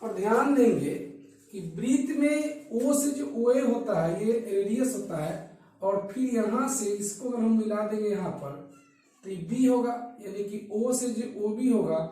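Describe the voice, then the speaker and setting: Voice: medium pitch, expressive, a little slow, dark tone. A teacher giving a blackboard maths lesson who keeps asking questions and answering them, repeating the key terms. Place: study centre classroom. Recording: echoey room, distant from mic.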